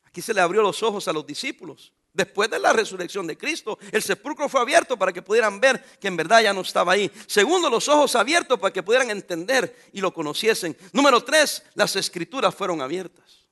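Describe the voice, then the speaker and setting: A man's voice: sits high, animated, quick pace, bright, forceful tone. A middle-aged man preaching a sermon, fervent and full of questions to his listeners.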